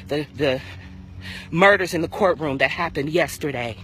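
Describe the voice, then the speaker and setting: Forceful American woman preaching on a walk. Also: sits low, moderate pace. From Michigan, United States. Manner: emphatic, speaking in short phrases while walking for exercise, with repetition. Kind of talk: impromptu devotional sermon to camera. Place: outdoors on a grassy, tree-lined path. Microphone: phone at arm's length. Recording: noisy outdoor phone recording.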